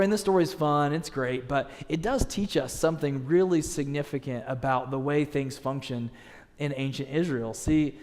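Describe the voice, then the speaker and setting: A man giving a sermon as a guest preacher, conversational and joking. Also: mid-range voice. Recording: long reverb in a church sanctuary.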